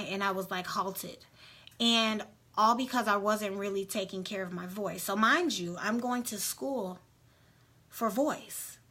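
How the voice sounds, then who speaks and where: Bright-voiced chatty woman vocal coach. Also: a little high. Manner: chatty, rambling with many restarts and fillers. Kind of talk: casual talk to camera.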